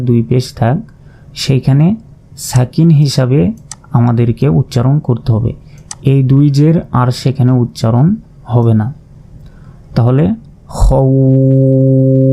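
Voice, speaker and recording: In a dark-toned, mid-range voice, a man teaches Quran reading as a slow, step-by-step recitation lesson. He spells out letters and vowel marks one at a time before drawing out their sounds, and the recording is slightly dull and lo-fi.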